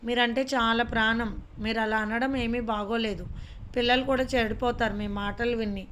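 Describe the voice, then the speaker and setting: A woman's voice: a little high, steady tone, a bit bright, a little hiss or hum, close to an everyday voice. A woman reading the lines of a fussy, childlike middle-aged wife who complains and scolds. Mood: scolding. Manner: pouting, complaining, quick-tempered.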